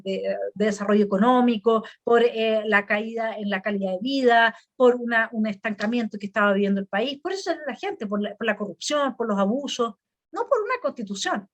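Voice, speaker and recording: Woman, high voice, argumentative interviewer, political talk. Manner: argumentative, builds a case before asking. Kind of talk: political discussion.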